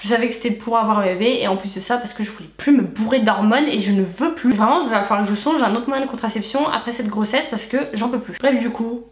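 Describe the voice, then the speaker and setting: A woman's voice: a little high, quick pace, few pauses, a little hiss or hum. A young woman chatting casually to viewers in a storytime vlog, with a stuffy, nasal voice and a lisp from wearing retainers. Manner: chatty, candid, slangy asides. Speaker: vlogger. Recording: echoey room.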